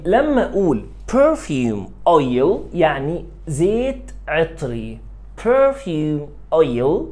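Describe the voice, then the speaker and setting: A man with an Egyptian accent explaining an English lesson to children, drilling each word by slow repetition and cheering his pupils on. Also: high voice, a little mellow. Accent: Egyptian Arabic. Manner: drills words by repeating them slowly and encouraging pupils. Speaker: English teacher.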